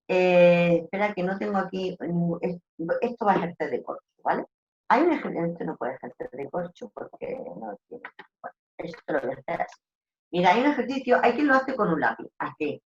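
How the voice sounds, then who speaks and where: Andalusian woman lecturer, talkative and expressive, low voice, slightly muffled audio. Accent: Andalusian Spanish. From Andalusia, Spain. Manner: talkative, animated teacher, repeats herself. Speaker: customer service trainer. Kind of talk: online lecture.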